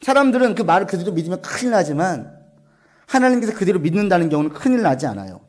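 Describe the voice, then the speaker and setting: Pastor guy preaching to his church, fairly high voice, asks questions then answers them, goes quiet and low on the big points. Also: big pitch swings, fast talker. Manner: drops to a soft, low voice to stress key points. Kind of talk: sermon. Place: church sanctuary.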